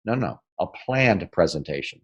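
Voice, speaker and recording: Energetic man teaching sales on a podcast. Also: low-pitched, slightly rough. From northern United States. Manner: energetic and emphatic, keeps asking "right?"; speeds up and slows down for emphasis. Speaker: podcast guest, sales and marketing expert. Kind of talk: interview, teaching.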